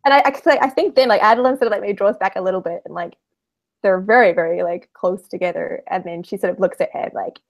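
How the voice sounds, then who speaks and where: A woman playing a tabletop roleplaying game, narrating casually and haltingly as she thinks aloud. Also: mid-range voice, gravelly.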